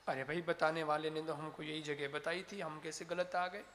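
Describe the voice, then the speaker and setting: A calm male saint coaxes patiently, voiced by a preacher. The voice stays bright and high. It rings in a reverberant hall with faint noise. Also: normal speed, lightly acted.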